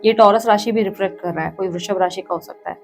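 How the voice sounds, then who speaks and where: A woman's voice: mid-range voice, fairly even intonation, fast, gravelly, over music. A woman tarot reader who speaks straight to the viewer, repeats her points for emphasis and calls on the universe between cards. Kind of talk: tarot reading to camera.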